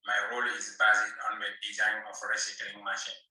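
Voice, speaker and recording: A man's voice: on the low side, monotone, brisk, bright, forceful tone. A man in his twenties with a Malian accent introduces himself in a formal, read-aloud way. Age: 20s. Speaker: student co-founder. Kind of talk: self-introduction. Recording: echoey room, distant mic.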